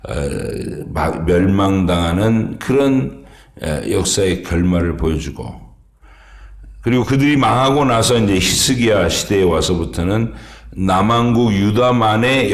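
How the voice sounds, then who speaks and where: A man preaching an early-morning sermon as pastor, speaking in a halting way with many pauses and fillers. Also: deep voice, reverberant. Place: church sanctuary.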